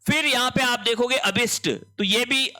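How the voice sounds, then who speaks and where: High, bright-voiced exam tutor man. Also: normal speed. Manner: explains each option step by step, checking in with students. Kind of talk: exam answer-key lesson.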